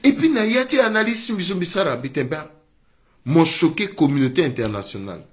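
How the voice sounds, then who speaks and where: A man giving a political commentary monologue, mixing French and Sango, with exclamatory outbursts that swing down to low muttering. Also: very animated, fairly quick.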